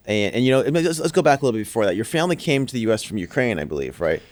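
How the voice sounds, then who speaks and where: Fast-talking man hosting an interview. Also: mid-range voice, big pitch swings, no echo. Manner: quick, chatty, repeats words at starts. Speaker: podcast host. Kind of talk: casual interview.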